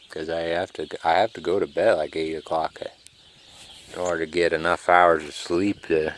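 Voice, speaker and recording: A man's voice: low-pitched, a bit bright, a little hiss or hum. A man, rambling casually and sleepily to his phone camera outdoors in the country. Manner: laid-back, rambling, drawling. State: sleepy, yawning. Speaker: car vlogger.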